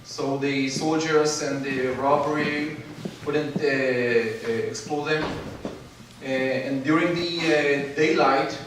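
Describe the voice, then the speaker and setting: A man from Ethiopia, probably in his forties, telling his life story as a guest speaker. He talks haltingly and pauses for fillers often. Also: on the high side, steady tone, background noise. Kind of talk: personal story speech. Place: large hall. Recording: very echoey hall from far off.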